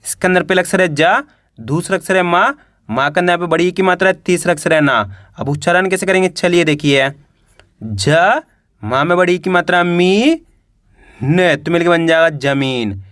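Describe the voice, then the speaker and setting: A man's voice: a little high, brisk, a bit bright, dry recording, clean studio sound. A man teaching a beginner reading lesson, sounding out words one syllable at a time and repeating each word with a prompt. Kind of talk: step-by-step phonics lesson.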